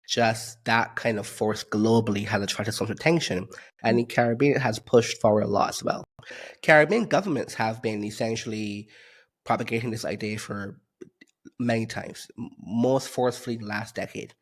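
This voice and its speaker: A man from Barbados, a guest economist on a podcast interview, explaining his views in a measured way with frequent fillers. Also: fairly low pitch.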